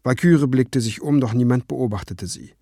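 A man narrating a fantasy audiobook in lively storytelling style. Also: mid-range voice, moderate pace, no echo, studio quality. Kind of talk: scripted narration.

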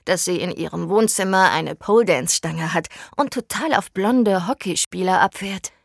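A woman voicing a cheeky, loud teenage schoolgirl with excitable outbursts in an audiobook. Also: normal speed, vocal fry, dry recording, studio quality. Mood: teasing. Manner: excitable, shrill outbursts, ironic. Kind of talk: audiobook character voice.

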